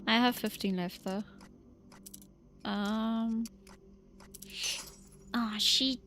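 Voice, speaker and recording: A woman's voice: on the high side, fairly even intonation, very slow, sharp tone, a little hiss or hum. A woman streaming a game in casual, chatty commentary, talking to herself, giggling and trailing off mid-thought.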